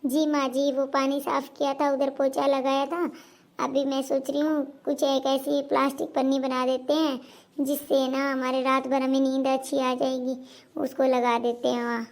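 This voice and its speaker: A woman playing a meek, hardworking young daughter-in-law who talks softly and reassuringly. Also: high-pitched, monotone, moderate pace. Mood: gentle. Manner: soft, dutiful, reassuring. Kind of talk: homemade family skit.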